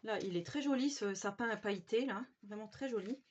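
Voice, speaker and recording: A woman's voice: mid-range voice, a little fast. Chatty woman gushing over craft cards. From France. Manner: chatty and gushing, with many fillers and little exclamations. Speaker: craft vlogger. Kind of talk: casual haul show-and-tell. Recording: slightly dull home recording.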